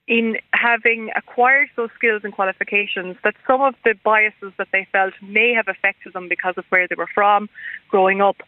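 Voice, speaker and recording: An Irish woman speaking as an academic guest in a radio interview, explaining things in a measured, formal way. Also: mid-range voice, no room sound. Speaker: guest expert, university lecturer. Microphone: telephone. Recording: narrow, tinny phone line.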